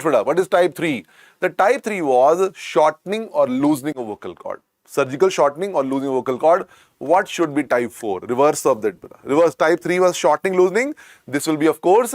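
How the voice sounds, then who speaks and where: A man's voice: fairly high pitch, dry recording. Indian man drilling students, dry close sound. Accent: Indian English. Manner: repetitive, coaxing, keeps adding "beta" to drill points. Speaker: medical exam lecturer. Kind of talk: classroom lecture.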